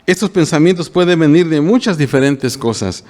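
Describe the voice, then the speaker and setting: Older pastor with a high-set voice. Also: male voice, expressive, moderate pace, darkish tone, big-room sound. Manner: homely, plain-spoken, often asks the congregation "¿verdad?". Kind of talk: conversational sermon.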